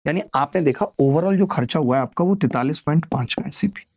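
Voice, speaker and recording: A man teaching an exam maths lesson in a lively, chatty way, putting questions to his students. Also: fairly high pitch, a little fast.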